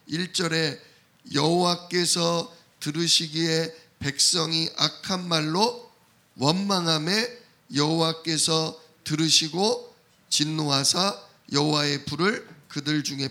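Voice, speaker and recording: High-voiced, very bright Korean preacher. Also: male voice. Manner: call-and-response questions to the congregation; acts out complaints and God's replies in quoted voices. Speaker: pastor. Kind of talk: sermon.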